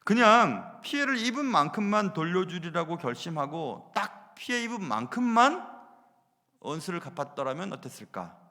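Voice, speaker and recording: A man preaching a sermon as pastor, animated, moving between loud emphasis and hushed asides. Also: high-pitched, normal speed. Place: church sanctuary. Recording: long reverb of a church hall.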